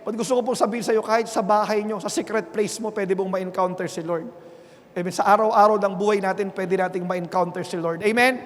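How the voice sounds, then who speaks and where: High-voiced Filipino pastor in a reverberant church. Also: male voice, steady tone, a little fast. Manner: punctuates nearly every phrase with "Amen?" to the congregation; swings from quiet earnest talk to loud, emphatic preaching. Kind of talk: bilingual Sunday sermon. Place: church sanctuary. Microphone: handheld microphone. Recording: long hall reverb in a church.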